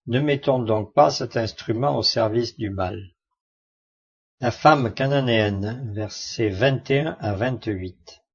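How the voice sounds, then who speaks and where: A man reads devotional commentary on scripture in a measured, earnest voice. His pitch sits in the middle range. The recording is a little dull and lo-fi. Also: husky. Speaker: Bible study reader. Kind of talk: devotional commentary read aloud. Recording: muffled lo-fi recording.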